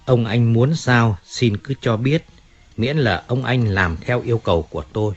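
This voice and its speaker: A husky-voiced man reading the part of an aging undertaker who pleads plaintively and with self-pity in an audiobook. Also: mid-range voice, moderate pace, muffled recording, close to an everyday voice. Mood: timid. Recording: faint music in background.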